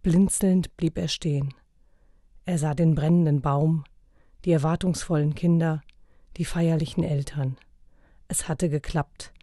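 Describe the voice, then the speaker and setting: A man narrating a storybook in an even, measured voice. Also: on the high side, no echo, studio quality. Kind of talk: storybook reading.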